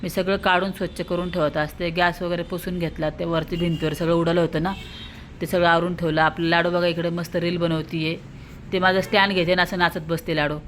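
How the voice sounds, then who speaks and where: A woman from Maharashtra talks to her viewers at home, walking them through her chores step by step. Her voice sits a little low for a woman. Light background noise runs under the recording. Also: level tone, brisk. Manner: chatty, homely, explains step by step to viewers. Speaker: vlogger and mother. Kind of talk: casual vlog narration to viewers.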